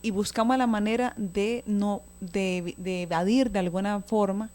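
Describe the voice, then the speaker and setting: A woman's voice: medium pitch, steady tone, a little slow, a little mellow. A woman speaking as a guest expert, explaining child communication patiently on a talk show and often checking in with a question.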